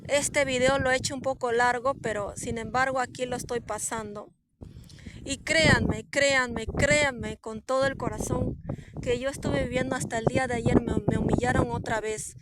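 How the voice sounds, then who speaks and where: High-voiced woman giving an emotional testimony. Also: steady tone, normal speed, very noisy. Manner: earnest and emotional, swinging between soft and emphatic; repetitive, with frequent restarts and fillers. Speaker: prophetess sharing a personal testimony. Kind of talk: personal testimony monologue.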